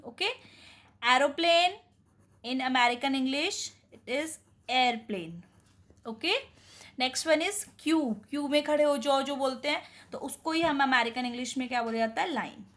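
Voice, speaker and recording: A woman teaching English vocabulary in Hindi, quizzing viewers and repeating each answer more softly. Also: high-pitched. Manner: mixes Hindi and English words.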